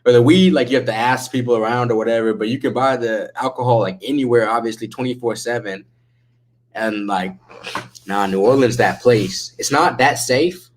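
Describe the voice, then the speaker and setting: A man's voice: mid-range voice, moderate pace, slight background noise. Laid-back stoner guy chatting casually. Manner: slangy, profane. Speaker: livestream host chatting with viewers. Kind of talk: casual chat.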